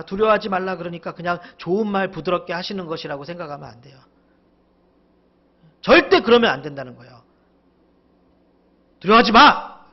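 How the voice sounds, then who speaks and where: High-voiced man preaching with emphatic force. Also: lo-fi sound. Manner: emphatic, acts out stern rebukes and asks the congregation questions. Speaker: pastor. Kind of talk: sermon.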